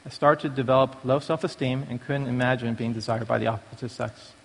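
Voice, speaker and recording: A man with a gravelly, husky mid-range voice speaks fairly quickly and in a level tone, giving a prepared testimony at a church recovery meeting. The large hall adds a long reverberant echo. He was born in Taiwan and grew up in the US from age five.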